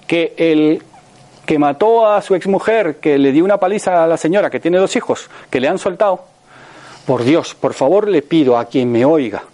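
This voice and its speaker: A man's voice: a little high, a little mellow. A man in his sixties with a Spain Spanish accent giving a motivational talk to an audience. He asks many rhetorical questions and keeps checking in with his listeners. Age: 60s. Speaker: motivational speaker.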